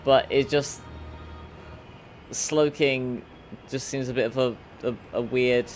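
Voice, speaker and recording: A man's voice: medium pitch, steady tone, faint music behind. Drowsy man chatting over gameplay. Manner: sleepy, halting, trailing off. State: drowsy, yawning. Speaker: streamer. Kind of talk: casual gameplay chat.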